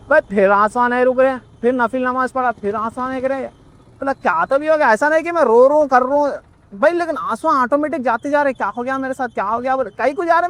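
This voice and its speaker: A man's voice: very high-pitched, a bit bright. A young man telling a rambling, repetitive personal story in a casual vlog. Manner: rambling, repetitive, emotional retelling.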